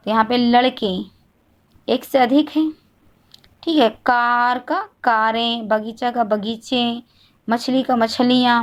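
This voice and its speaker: A woman teaching a grammar lesson, explaining step by step and answering her own questions. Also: on the high side. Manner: often says "thik hai" to check understanding.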